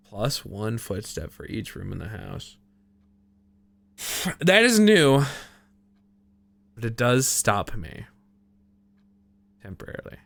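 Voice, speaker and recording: A man's voice: medium pitch, gravelly, fairly bright tone, no room sound. A young man streaming a puzzle game, thinking aloud in a chatty, giggly way. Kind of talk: live gameplay commentary.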